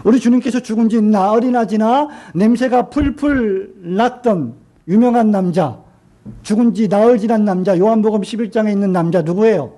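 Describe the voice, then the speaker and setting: High, mellow-voiced male preacher. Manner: asks the congregation questions and has them repeat lines; slows down and drops his voice when quoting Jesus. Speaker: pastor. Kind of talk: sermon.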